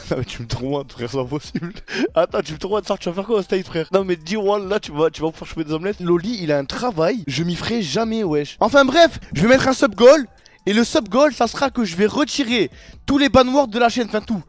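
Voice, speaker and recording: A man's voice: high-pitched, fairly quick. A young man streaming live, chatting casually and rambling in heavy slang to his chat. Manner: slangy, rambling, keeps saying frère and wesh.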